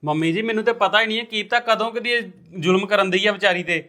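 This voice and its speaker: A man's voice: sits high, fast talker, sharp tone. A man playing a furious young husband. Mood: angry. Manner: accusing, repeating words in outrage. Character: angry young husband defending his mute sister. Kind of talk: family drama acting.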